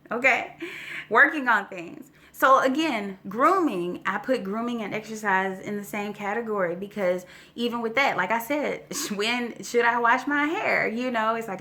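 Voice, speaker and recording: Chatty bright-voiced woman in her forties. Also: on the high side. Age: 40s. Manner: chatty, talks straight to viewers with frequent "okay?" and "you know". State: slightly winded. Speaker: vlogger. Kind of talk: casual storytelling vlog.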